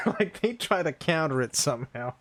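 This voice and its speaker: A man's voice: on the high side, animated, moderate pace, fairly bright tone. A man in a Western role-play game, teasing his companions in an easygoing way and laughing often.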